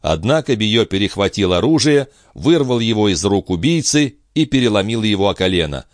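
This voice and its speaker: A male narrator reads a historical novel in a fairly low voice with a lively, varied melody. The delivery is steady and expressive. The recording is close and dry. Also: moderate pace, no room sound. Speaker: audiobook narrator. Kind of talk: scripted narration.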